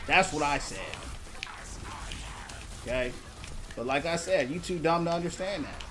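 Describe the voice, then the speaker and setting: A man's voice: a little high, unhurried, noisy background. A man streaming a game, ranting in a heated, repetitive, mocking way at a viewer in his chat. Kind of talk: ranting live stream commentary.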